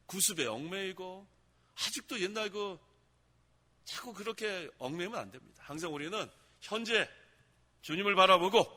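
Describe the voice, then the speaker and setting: A man preaches a sermon from the pulpit in a high, sharp voice. He keeps asking the congregation questions and repeating key phrases. His voice rings with the long reverb of a church hall. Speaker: pastor. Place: church sanctuary.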